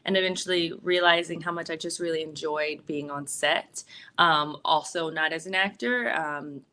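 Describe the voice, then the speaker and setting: A woman from the Bay Area talks about her path in a relaxed, rambling way, full of "um"s and "like"s. Her voice sits a little low and comes across bright and forceful. It is a casual interview, never scripted. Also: normal speed. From San Francisco Bay Area, US. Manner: relaxed, chatty, many fillers and likes. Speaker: actress and filmmaker, interview guest.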